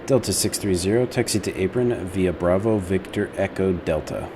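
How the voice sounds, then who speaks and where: A man's voice: sits low, normal speed. A man acting as an air traffic controller, rattling off clipped procedural instructions to aircraft. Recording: very noisy, loud airfield sound.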